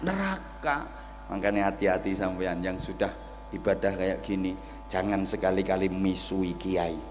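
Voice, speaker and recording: A man's voice: sits low, moderate pace, long reverb tail, slight background noise. A middle-aged man with a Javanese accent preaching a humorous sermon at a religious gathering, theatrical and joking.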